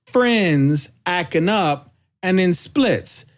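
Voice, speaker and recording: Man, podcast host, casual chat, slightly high voice, reflective and measured. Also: animated. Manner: reflective, measured, chooses words carefully.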